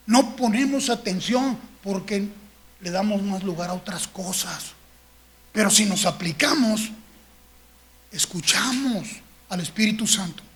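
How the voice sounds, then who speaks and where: A pastor delivers his sermon in a notably high-pitched voice. He talks to the congregation like neighbors, weaving in homely stories and checking in with quick rhetorical questions. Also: fairly bright tone. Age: 60s. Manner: conversational preaching with folksy anecdotes and tag questions.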